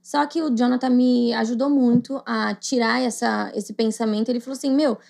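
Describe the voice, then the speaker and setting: Young brazilian woman telling her story on a podcast, slightly high voice, does the voices of people she quotes. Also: steady tone, fairly quick, vocal fry, a little mellow. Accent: Brazilian Portuguese. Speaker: podcast co-host. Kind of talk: casual chat, personal storytelling.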